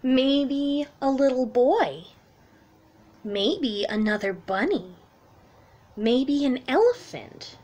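At home in a small indoor room, a high-voiced woman reads a story aloud to young children. Like an expressive children's teacher, she goes slowly, draws out her words, pauses often, and keeps her explanations simple.

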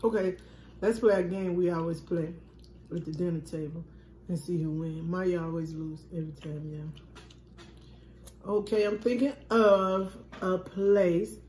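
A woman's voice: on the low side, fairly even intonation, measured pace, dark tone, roomy sound, slight background noise. A woman vlogging from her dinner table, chatting to viewers and calling them "y'all". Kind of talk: casual chat.

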